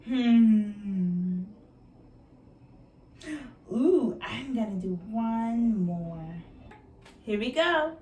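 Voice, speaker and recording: A woman's voice: on the high side, lively intonation, extremely slow, pauses often, a little mellow. A woman teaching young children like a kids show host, with an exaggerated, encouraging manner and simple questions. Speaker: preschool teacher leading circle time. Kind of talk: children's educational lesson, asking questions to young viewers. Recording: roomy echo, distant mic, faint noise.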